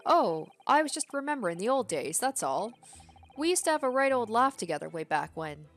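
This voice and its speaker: A woman's voice: a little high, big pitch swings, fairly quick. A woman voicing a chummy, shifty working-class male crook from a video game, with slangy, matey talk. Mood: nostalgic. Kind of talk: video game character read-aloud.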